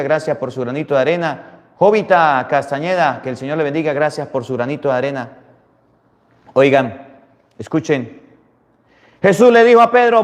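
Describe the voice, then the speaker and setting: A fairly high-voiced man preaching as a priest, his delivery swinging between loud emphasis and hushed asides. The sound carries a long reverb from a big hall. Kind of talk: sermon with readers' greetings.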